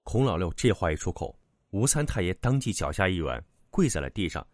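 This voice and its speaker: A man narrating a serialized folk tale in a lively, expressive storytelling manner. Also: low-pitched, fairly quick, dry recording, clean studio sound.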